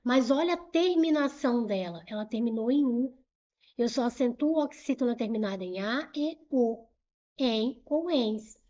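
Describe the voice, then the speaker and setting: A middle-aged woman with a slightly high voice teaches grammar in an online exam-prep lesson. She explains each rule step by step, repeats key points and asks the viewer rhetorical questions, urging them along briskly. The recording sounds dull and muffled. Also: lively intonation, warm tone.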